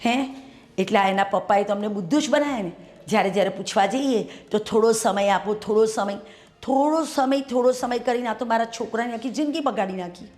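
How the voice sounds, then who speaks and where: A woman playing an angry middle-aged mother who complains loudly in a short family drama, her voice carrying from a distance. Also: a little high, brisk, close to an everyday voice. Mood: indignant. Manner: loud, raised, complaining. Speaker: mother of a grown son.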